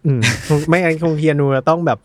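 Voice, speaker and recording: A young man from Thailand co-hosting a casual gaming podcast, telling stories with lively acted-out quotes. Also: on the high side, fairly quick. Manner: animated storyteller who acts out quotes. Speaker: podcast co-host.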